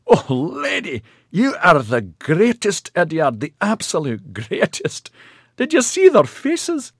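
A man's voice: medium pitch, huge pitch swings, moderate pace, breathy edge, dry recording, studio quality, voice pushed up, heavily acted. A man voicing a boisterous, cheerful young man who talks exuberantly. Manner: exuberant, laughing.

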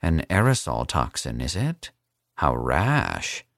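Cold smooth older captor guy, read by a deep-voiced man, very low, slow and dry. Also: big pitch swings, fairly bright tone, no room sound, heavily acted. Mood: dry, mocking. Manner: smooth, unhurried and condescending. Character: older male captor, suave, cold and amused.

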